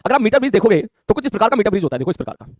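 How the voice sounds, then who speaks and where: A man teaching a physics lesson online, talking in a quick, colloquial way and checking in with his students constantly. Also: high voice, sing-song, a little mellow, no echo, clean studio sound. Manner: rapid colloquial Hindi, calls students "mere bhai", frequent "theek hai".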